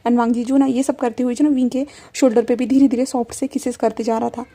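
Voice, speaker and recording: Woman storyteller, chatty fan-fiction narration, higher voice with a mellow warmth. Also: flat delivery, fast. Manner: chatty, heavy with fillers and English words.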